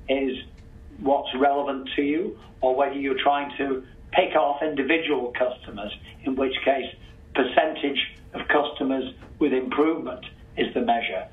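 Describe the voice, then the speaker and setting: A hoarse man on a panel adding his points in a deliberate, orderly way. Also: mid-range voice. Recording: echoey, tinny phone-like sound.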